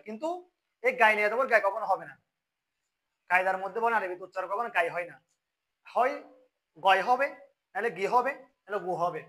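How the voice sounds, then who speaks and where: A man teaching correct Quran recitation. He goes letter by letter, asks questions and answers them himself, and recites examples slowly. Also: high voice, bright, forceful tone, low-quality recording. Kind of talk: tajweed lesson with recited examples.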